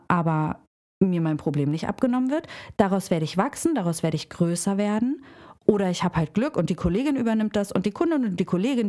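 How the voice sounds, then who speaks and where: Woman, hairdresser, reflective self-help talk, soft dark tone, addresses the listener directly. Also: medium pitch. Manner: speaks directly to the listener with everyday examples.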